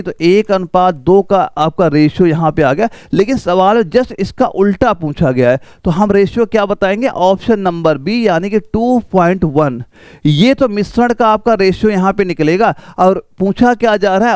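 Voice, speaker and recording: Man, exam-prep math lesson, smooth resonant voice, dead-dry room, rhetorical questions at every step. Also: high-pitched, a little mellow, no echo. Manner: talks students through each step with repeated rhetorical questions.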